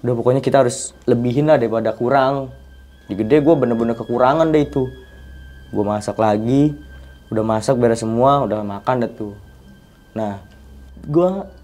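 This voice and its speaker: A young man, a podcast guest casually telling a story in slangy, animated chat. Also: mid-range voice. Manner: animated, slangy, often addresses the host as 'Bang'.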